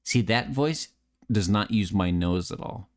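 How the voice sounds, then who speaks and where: A man's voice: lowish voice, animated, unhurried. A man streaming late at night, chatting candidly, repeating words and restarting sentences, swearing and joking at his own expense. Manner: swears freely, joking and self-mocking.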